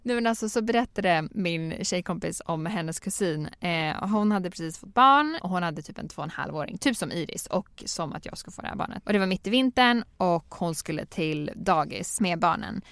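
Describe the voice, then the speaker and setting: A woman's voice: on the low side, few pauses, clear, resonant tone, no echo. Chatty young woman, dry close sound. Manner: lively storyteller, laughs often. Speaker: podcast host. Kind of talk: casual chat.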